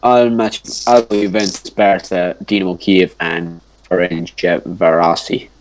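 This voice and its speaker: Relaxed young man with a low voice. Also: unhurried, low-quality recording. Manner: relaxed, agreeable banter. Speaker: podcast co-host. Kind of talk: casual chat. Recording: faint background noise.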